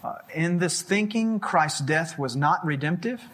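A man with a slightly high, husky voice gives a theology lecture. He speaks in short, measured chunks with pauses between them, leaving room for an interpreter. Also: lively intonation, fairly bright tone.

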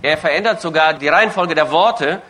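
Male live interpreter, bright and forceful tone, keeps pace phrase by phrase, small stumbles and self-corrections. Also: a little high, fairly quick. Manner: follows phrase by phrase, occasional hesitations and self-corrections.

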